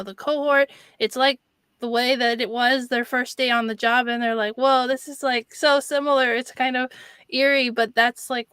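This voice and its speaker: A woman's voice: fairly high pitch, fairly bright tone, smooth, no echo. A woman hosting a casual interview in a chatty, conversational way, peppering her speech with "like". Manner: conversational, frequent "like" as filler. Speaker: interviewer, host.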